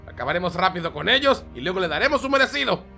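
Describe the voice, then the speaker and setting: High, gravelly excited gaming host. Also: male voice, racing, faint music behind. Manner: chatty, dramatic, talks to viewers and cries out at the game. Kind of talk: excited let's-play commentary.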